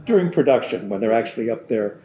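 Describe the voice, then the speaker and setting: Male interviewer, mellow and warm tone; friendly, curious questions. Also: medium pitch, animated, fast. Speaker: interviewer, education head.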